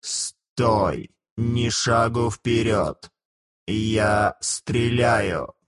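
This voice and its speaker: A man voicing a stiff, threatening mechanical doll guard with a metallic, inhuman, robot-like voice and slow, drawn-out commands. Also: on the low side. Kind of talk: audiobook narration.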